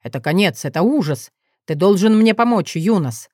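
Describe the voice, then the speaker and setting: A woman's voice: medium pitch, expressive, normal speed, darkish tone, no room sound, studio quality, lightly acted. A woman voicing a haughty adult dragon lord with an ironic, sneering drawl. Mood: panicked.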